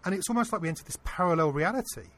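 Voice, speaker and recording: A man being interviewed, earnestly telling a personal anecdote in a casual, animated way. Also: high-pitched, racing. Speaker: interview guest. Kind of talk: casual storytelling.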